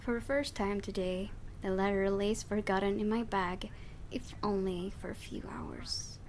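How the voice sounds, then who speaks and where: Reading visual novel narration for a let's play, a woman with a mid-range, sing-song voice takes her time, stumbling over words now and then and tossing in casual comments. It's a clearly noisy home recording.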